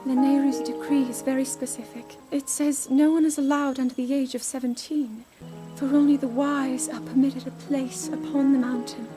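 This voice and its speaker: A woman plays an earnest young video game princess with a high, breathy voice. She chooses her words formally and precisely, like a scholar carrying a heavy duty. Music plays beneath her dramatic lines. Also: close to an everyday voice. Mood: solemn, hopeful. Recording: background music under dialogue.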